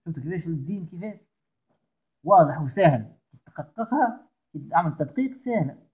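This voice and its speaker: Tunisian male religious teacher, slightly high, husky voice, emphatic and repetitive delivery. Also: big pitch swings, a little fast, a little mellow. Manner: emphatic, repeats key phrases. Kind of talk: religious lesson.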